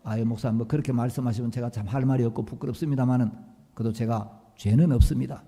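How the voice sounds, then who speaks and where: Man playing a humble young student, low hushed voice, dark tone, echoing church hall. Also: steady tone, fast talker, breathy edge. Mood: meek humble. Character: meek ashamed young male mission student.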